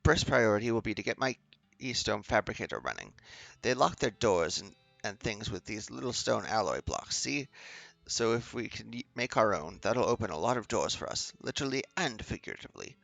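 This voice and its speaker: A man's voice: on the low side, big pitch swings, brisk, vocal fry, few pauses, a bit bright, dry recording, full character voice. A man reading the lines of an eccentric male professor and inventor, talking in eager explanations.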